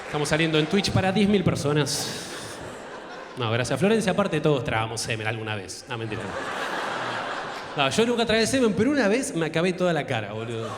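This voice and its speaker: Young argentine guy doing stand-up, high and bouncy voice, echoey theater hall. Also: background noise. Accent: Argentine Spanish. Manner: crude, crowd-work, acts out voices. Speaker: stand-up comedian. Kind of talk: stand-up comedy. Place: theater stage.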